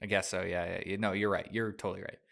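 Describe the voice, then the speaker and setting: A young adult man hosting a casual book podcast, chatty and loose, laughing often, his throat dry so he keeps clearing it. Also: deep voice, level tone, fast talker, a bit bright. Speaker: podcast host.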